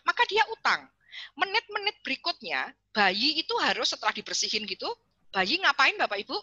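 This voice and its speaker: A woman giving an online parenting seminar, chatty and lively, calling on parents by name over a video call. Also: high-pitched, brisk, dry recording, dull audio. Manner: lively, chatty, addresses parents and reads chat names.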